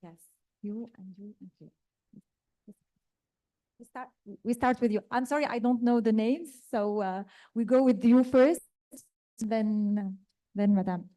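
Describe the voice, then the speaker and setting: Moderator: a woman, hesitant, higher pitch, warm and dark tone. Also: unhurried, long pauses. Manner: hesitant, apologetic, managing the floor. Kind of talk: moderating a discussion.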